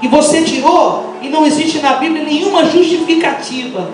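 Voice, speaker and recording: A middle-aged woman with a Brazilian accent preaching an impassioned Pentecostal sermon, firing rhetorical questions and breaking into shouts. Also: sits high, moderate pace, slight background noise. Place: large church hall. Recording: echoey church hall, mic far off.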